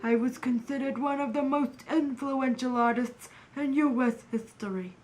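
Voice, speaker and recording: A woman's voice: sits high, moderate pace, a little mellow, low-quality recording. A young adult woman reading a first-person biography of a historical artist for a class project. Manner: reads in character as a historical artist. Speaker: student presenter.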